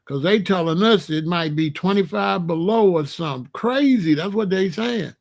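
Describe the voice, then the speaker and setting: American man, high voice, middle-aged or older, casual online host, emphatic, repetitive, colloquial phrasing. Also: normal speed, creaky. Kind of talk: casual livestream chat warning viewers about weather.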